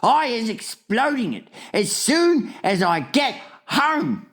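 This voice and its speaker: Woman putting on an excitable, high-pitched storybook giant. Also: exaggerated voice. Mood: grim, agitated. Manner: quaint mangled grammar, exclamatory, drawn-out words. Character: excitable, kindly male giant, easily exasperated, emphatic. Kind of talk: storybook character voice in a dramatic reading.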